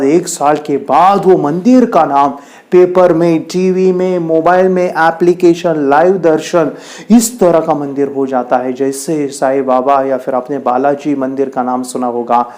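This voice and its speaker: A man's voice: a little high, a little mellow. A man coaching a meditation practice, telling a motivational story emphatically, with lots of repetition. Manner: emphatic, repetitive, counting things off. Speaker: meditation and mind power coach.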